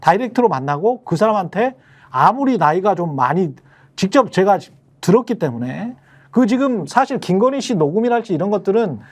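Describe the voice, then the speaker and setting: A man's voice: sits high, sing-song, fairly quick. A man on a political talk show, telling firsthand anecdotes in an emphatic, conversational way. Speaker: political panelist.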